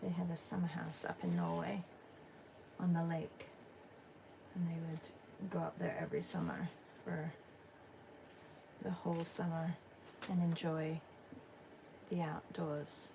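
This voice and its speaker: A middle-aged woman from England chats casually while drawing on an art livestream and reading chat messages aloud. Her voice is fairly low and gravelly, unhurried with frequent pauses, and she thinks aloud with fillers in a relaxed way over a noisy background.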